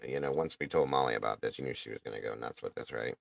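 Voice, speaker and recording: A man's voice: a bass voice, fast, creaky, no echo, muffled recording. A man hosting a casual true crime talk, blunt and indignant, swearing now and then. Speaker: true crime podcast host. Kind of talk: casual chat.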